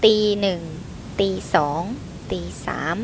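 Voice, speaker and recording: A woman's voice: mid-range voice, fast talker, a crowd in the background, rough recording. A woman in her thirties from Thailand with a Thai accent, teaching a conversational language lesson step by step and prompting her learner with questions. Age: 30s.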